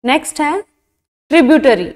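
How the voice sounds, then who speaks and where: A woman's voice: sits high, expressive, moderate pace, darkish tone, big-room sound. A woman teaching a vocabulary lesson, explaining English words in Hindi and repeating each term.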